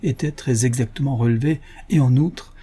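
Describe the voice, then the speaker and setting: A man reading an adventure novel aloud in a steady, measured narration. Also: mid-range voice, breathy edge. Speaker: audiobook narrator. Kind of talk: scripted narration.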